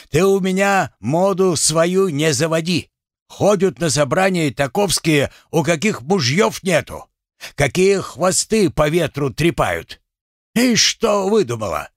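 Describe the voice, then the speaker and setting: A man reading an audiobook, voicing a violent, furious Cossack husband who shouts abuse at his wife. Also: mid-range voice, takes it slowly, dry recording, clean studio sound, close to an everyday voice. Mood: enraged.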